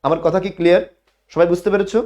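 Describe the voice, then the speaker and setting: Casting note: male teacher, explanatory, pitch a touch high. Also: steady tone, rapid-fire, a little mellow. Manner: explanatory, asks questions and answers them himself. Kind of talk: online class lecture.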